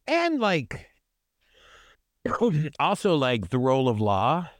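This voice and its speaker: A man's voice: huge pitch swings, takes it slowly, no room sound, clean studio sound. A man co-hosting a casual film podcast, chatty and full of fillers. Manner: wide-swinging pitch, chatty with fillers. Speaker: podcast co-host.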